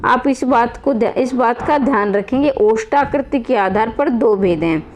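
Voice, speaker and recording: In a fairly high voice at a normal speed, a woman gives a classroom-style grammar lesson, calling her students children. She repeats her points and poses rhetorical questions, with a little hiss or hum in the recording.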